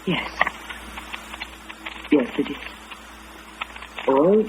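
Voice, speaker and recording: An actress in an old radio drama playing a composed, frank woman counseling a friend in a measured, firm way, on a muffled, noisy recording. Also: low voice, expressive, darkish tone, heavily acted. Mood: frank, solemn.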